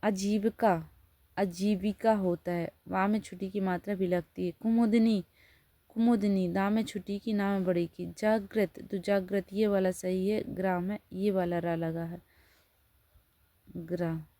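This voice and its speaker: A woman's voice: medium pitch, steady tone, unhurried, dark tone, dry recording. A woman teacher giving a Hindi spelling lesson. She reads each word out, then explains and corrects it.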